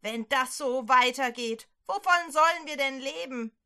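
A woman's voice: a little slow, bright, forceful tone, exaggerated voice. A woman doing a wailing despairing old king. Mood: moaning. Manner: wailing, shrill and blaming.

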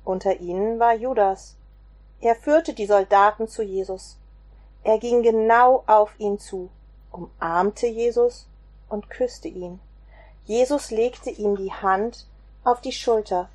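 Woman reading a kids bible story, slow and expressive. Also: medium pitch.

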